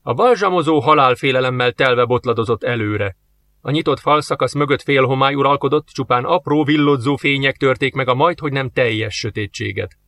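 Bright-voiced male narrator. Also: mid-range voice. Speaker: audiobook narrator. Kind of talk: scripted narration.

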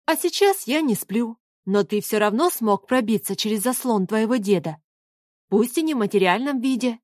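Bossy mocking young gal in a storybook, raised lively voice, a woman reader putting her on, dry sound. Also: a little high, moderate pace, no echo, natural voice. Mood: teasing. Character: spirited teasing young woman, captive.

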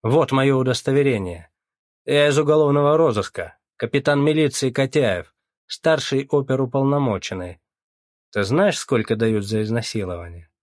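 A man's voice: mid-range voice, normal speed, no room sound, clean studio sound, pitched above the performer's own voice, lightly acted. A man reading the part of a stern police captain, blunt and pressing in his questioning. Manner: forceful, interrogating.

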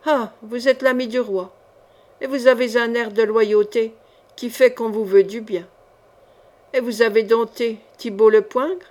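A woman's voice: fairly high pitch, fairly even intonation, a little slow, darkish tone, natural voice. A woman reading the part of a lanky, chatty male painter with a nasal voice and flowery, courteous speech. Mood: courtly, effusive.

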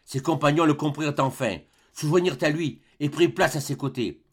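A man giving scripted audiobook narration in a measured, dramatic storytelling manner. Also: a little high, husky.

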